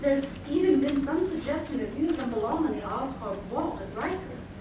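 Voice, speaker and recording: A woman playing a polite, uneasy asylum doctor, hesitant and deliberate, in a live radio play. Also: high-pitched, expressive. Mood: formal, uneasy. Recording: echoey hall from far off, noisy.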